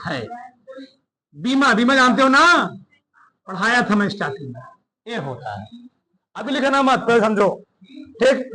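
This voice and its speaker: A male teacher giving a classroom lesson, dictating slowly and repeating phrases while asking the class questions. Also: very high voice, fairly bright tone, slight background noise, poor audio.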